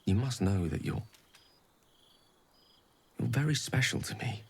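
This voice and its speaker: In this game voice acting, a man with a mid-range voice that is animated, unhurried and slightly breathy plays an eloquent, learned wizard. He speaks in articulate, formal, tender language, and soft music plays behind the game audio.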